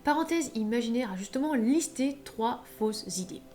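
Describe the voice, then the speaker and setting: Woman author, highish voice, chatty and animated, lots of hein and bah. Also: normal speed, faint music behind. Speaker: author giving writing advice. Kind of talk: casual advice video.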